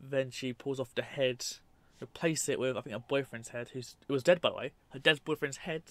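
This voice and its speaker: A man's voice: mid-range voice, fairly even intonation, brisk, a bit bright, no room sound. A man giving casual, unscripted commentary over clips, rambling and matter-of-fact with dry asides. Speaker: narrator of a film clip compilation.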